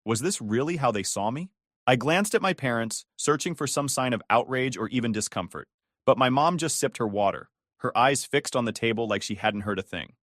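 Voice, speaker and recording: A man's voice: medium pitch, animated, a little fast, fairly bright tone, no echo, studio quality. A man narrating a first-person story in a bitter, confiding way.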